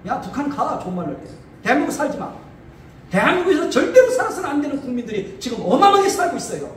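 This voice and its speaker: A man's voice: very high-pitched, big pitch swings, racing. Combative male pastor lecturing in an echoey hall. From Chungcheong, Korea. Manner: combative, rhetorical questions, repeats phrases. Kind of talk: political lecture to an audience. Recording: echoey hall from a distant mic, faint noise.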